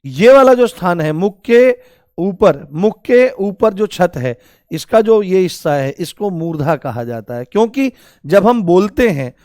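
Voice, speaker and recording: Speaking a little slowly, a man with a high, darkish, animated voice teaches grammar, asking questions and answering them himself. He affectionately calls his students "babu." The clean studio recording is dry.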